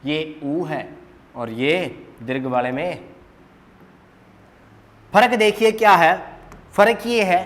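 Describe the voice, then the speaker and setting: A man's voice: fairly high pitch, slow pace, pauses often. A man teaching a grammar lesson at a whiteboard, asking questions and answering them himself, repeating the key terms.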